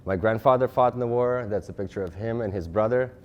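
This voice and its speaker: A man in his thirties from Russia giving a lecture presentation, talking fast, with frequent restarts and fillers. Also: on the low side, dull audio, a little hiss or hum. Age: 30s. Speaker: guest speaker.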